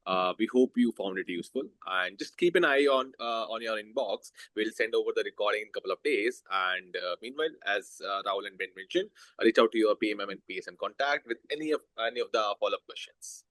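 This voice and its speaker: A man's voice: lowish voice, quick pace, hardly any pauses, fairly bright tone, dry recording, poor audio. A man moderating a webinar, closing it politely and thankfully with light fillers.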